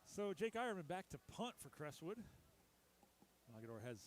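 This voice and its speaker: A man calling a local high school football game play by play, chatty and joking at his own expense, his voice jumping up on big plays. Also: sing-song, normal speed, slight background noise. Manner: jokey, chatty, laughs at himself, rises sharply on big plays. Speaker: play-by-play announcer.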